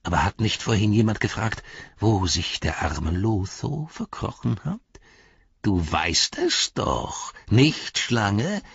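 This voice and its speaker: A man's voice: sits low, sing-song, vocal fry, bright, forceful tone, husky, dry recording, heavily acted. A man voicing a cruel, spiteful old wizard who sneers and mocks, in a dry, slightly dull recording. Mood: mocking. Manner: mocking, drawn-out, taunting.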